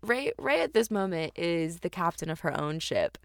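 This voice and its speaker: Woman, podcast co-host, lowish voice, playful teasing chat, recorded inside a closet, very dry close sound. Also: sing-song, moderate pace, gravelly, no echo. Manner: playful, teasing, laughs often. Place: inside a walk-in closet of an apartment.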